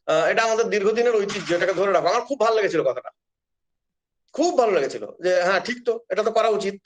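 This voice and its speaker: A man's voice: high voice, lively intonation, fast talker, a little hiss or hum. A middle-aged man, a professor, giving an earnest, emphatic public lecture and repeating his key points. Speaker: professor of Bengali.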